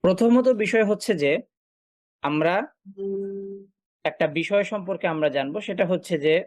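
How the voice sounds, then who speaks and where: A man teaching a recitation class, explaining step by step and asking and answering his own questions, often pausing with filler sounds. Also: high-pitched, lively intonation, a little mellow, dry recording. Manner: frequent filler sounds while thinking. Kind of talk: online class lecture.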